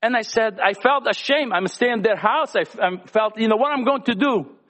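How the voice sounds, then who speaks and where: In an echoey hall, a man from Lebanon talks to young people at a church gathering, earnestly and talkatively sharing his testimony. His high-pitched voice is fairly quick and a bit bright.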